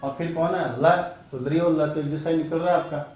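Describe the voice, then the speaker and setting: A man's voice: fairly high pitch, little pitch movement, brisk, a little mellow, a little hiss or hum. A male Sanskrit teacher giving an online grammar lesson, drilling sounds aloud and asking and answering his own questions. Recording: very echoey room, voice a bit far from mic.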